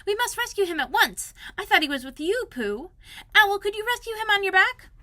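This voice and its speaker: A woman's voice: very high voice, big pitch swings, a little fast, bright, forceful tone, dry recording, pitched above the performer's own voice, heavily acted. A woman voicing an eager, anxious, kind-hearted young boy in a storybook, with breathless, pleading exclamations. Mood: urgent.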